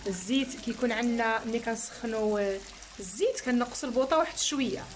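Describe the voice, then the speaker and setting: Brisk, chatty Moroccan woman cooking. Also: on the high side, slight background noise. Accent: Moroccan Arabic. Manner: chatty, explains each step while working. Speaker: cooking channel host. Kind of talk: cooking tutorial voice-over.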